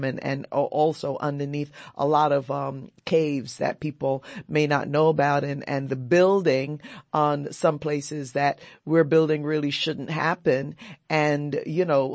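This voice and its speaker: A man from Barbados hosting a radio interview, asking steady, measured questions. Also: a little high, no echo. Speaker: radio host.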